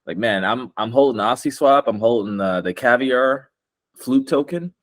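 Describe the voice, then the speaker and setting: A man's voice: mid-range voice, expressive, moderate pace. A man chatting casually about crypto investing in a slangy, confident, boastful bro manner. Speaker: crypto investor and video maker.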